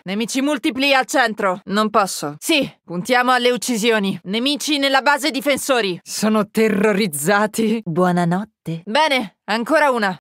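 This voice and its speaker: A cold, taunting nightmare hunter. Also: female voice, on the high side, fairly bright tone, no room sound. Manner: cold, taunting, clipped callouts. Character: menacing young woman nightmare-hunter agent. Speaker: voice actress dubbing a game character. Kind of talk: game voice lines. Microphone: close studio mic. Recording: dry studio recording.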